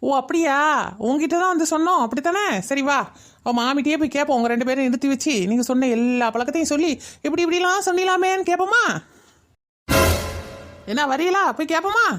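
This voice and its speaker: A sharp-tongued older woman in a cartoon scolds gossips with biting sarcasm, as a woman plays her. She speaks fast in a Kayalpattinam Tamil accent. Her voice sits high. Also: soft background music. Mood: scolding. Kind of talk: cartoon voice acting.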